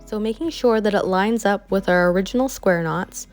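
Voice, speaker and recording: Over soft background music, a woman with a Canadian accent and a mid-range voice walks through a craft project step by step at a moderate pace. This tutorial voice-over has her sounding friendly and chatty as the instructor.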